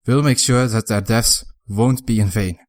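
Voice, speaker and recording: A man's voice: fairly low pitch, fairly even intonation, unhurried, lightly acted. Man doing a curt, battle-hardened head warrior. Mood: sympathetic. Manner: curt, clipped.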